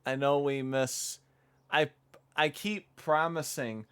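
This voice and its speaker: A man's voice: a little high, steady tone, slow, a bit bright, smooth. A young man streaming as a vtuber, chatting casually while gaming, rambling with self-deprecating asides.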